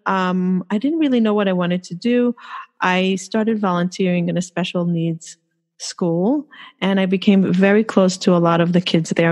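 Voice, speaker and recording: A woman's voice: lowish voice, a little mellow. A woman who grew up in Israel, a podcast guest eagerly telling her life story in a chatty way with frequent fillers. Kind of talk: casual interview chat.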